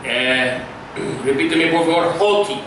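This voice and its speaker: A man's voice: on the high side, slow pace. A man teaching a Koine Greek grammar class, patiently drilling vocabulary and asking the students to repeat after him. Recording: echoey room, mic far off, faint noise.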